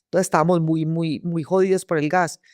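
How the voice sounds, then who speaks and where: A woman's voice: low voice, fairly even intonation, brisk, darkish tone, dry recording, studio quality. A Colombian woman telling her story as an interview guest, vivid and full of restarts and repeated words. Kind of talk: personal testimony in an interview.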